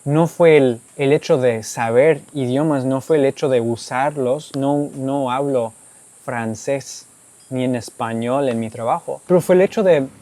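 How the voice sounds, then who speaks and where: Warm-voiced man explaining in learned Spanish. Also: mid-range voice, measured pace, no echo. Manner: explanatory, tags statements with "¿ok?" and "¿verdad?"; speaks Spanish as a learned second language. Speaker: YouTuber answering viewer questions. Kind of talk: casual Q&A monologue.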